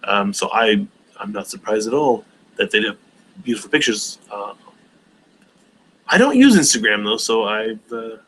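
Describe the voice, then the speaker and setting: A man's voice: on the low side, very animated, moderate pace, long pauses, a bit bright, a little hiss or hum, rough recording. A man in his forties hosting a casual live stream Q&A, rambling with many hesitations and restarts. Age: 40s.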